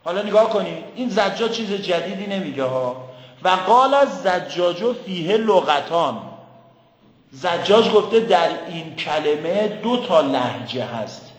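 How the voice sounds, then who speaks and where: High-voiced man lecturing in an echoey classroom. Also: expressive. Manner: questions the class often, recites words slowly. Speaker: teacher of Quran commentary. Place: classroom with a board.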